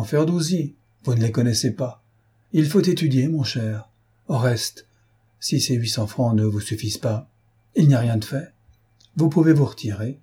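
A man's voice: medium pitch, warm tone, slightly rough, lightly acted. A man reading an audiobook, voicing a pompous, stingy older male scholar who lectures his young assistant. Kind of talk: audiobook character voice.

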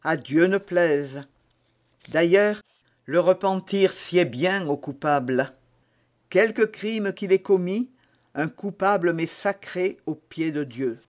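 A man reading an audiobook voices a stern, devout soldier guard who speaks gravely and solemnly. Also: high voice, slow, darkish tone. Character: stern, pious young male soldier guard.

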